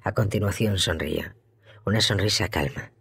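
A man narrating an audiobook in a measured, steady reading. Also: fairly low pitch, vocal fry, breathy edge, no room sound, clean studio sound.

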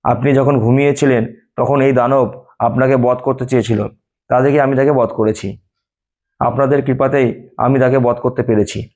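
A man voicing a young goddess who speaks reverently to her lord, in his own plain, even reading voice. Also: medium pitch, normal speed, long pauses, natural voice. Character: young goddess born to slay a demon, devoted.

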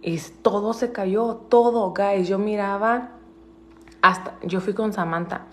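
A woman's voice: mid-range voice, unhurried, slight background noise. A woman, chatting casually on a livestream. She mixes with English, swears freely and sounds indignant. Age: adult with a school-age daughter. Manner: switches between Spanish and English, swears, indignant.

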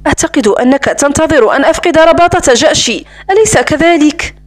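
A woman's voice: high-pitched, animated, fairly quick. A woman reading the lines of a proud, angry young woman held captive, in a defiant, curt tone.

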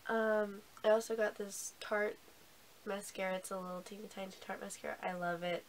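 A woman who is sick and hoarse, chatting casually about beauty products with lots of ums and restarts. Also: medium pitch, steady tone, moderate pace, slight background noise. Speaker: beauty vlogger. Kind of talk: casual haul review.

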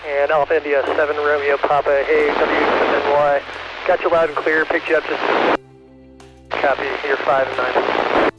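A man's voice: on the high side, level tone, moderate pace, over loud music. A man's radio voice breaking up. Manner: brief, matter-of-fact radio operating talk. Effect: radio signal breaking up and dropping out. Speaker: ham radio operator. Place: at home. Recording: muffled lo-fi radio transmission.

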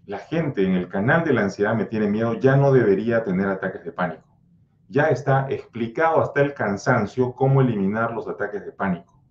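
A man's voice: lowish voice, lively intonation, fairly quick, slight background noise. A man hosting a livestream about anxiety, answering viewer comments in a blunt, scolding, insistent way and drilling repeated mantras. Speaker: anxiety coach and channel host. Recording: roomy, slightly dull sound.

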